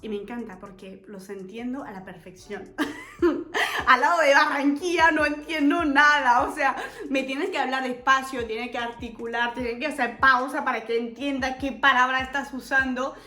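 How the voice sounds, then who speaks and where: High-voiced chatty French woman vlogger. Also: moderate pace, bright, forceful tone. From France. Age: 20s. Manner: chatty, giggly, playful. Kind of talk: casual chat to camera. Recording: echoey room with faint music.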